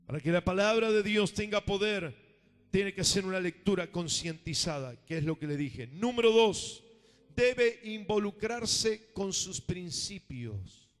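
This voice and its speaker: A man, a pastor preaching a sermon with emphasis, calling for amens and swinging between loud and hushed delivery. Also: sits high, lively intonation, unhurried. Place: church sanctuary. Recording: reverberant church hall.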